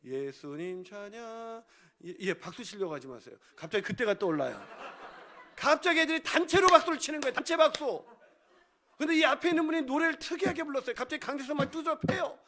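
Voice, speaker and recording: A male pastor preaching a sermon, telling a comic story with loud exclamations and hushed whispers. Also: very high-pitched, expressive, quick pace.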